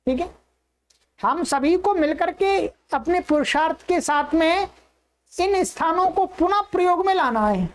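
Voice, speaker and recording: Slow, high-voiced woman teaching a class. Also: lively intonation. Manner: patient, repeats sounds slowly for learners. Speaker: Sanskrit teacher. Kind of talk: online class lesson.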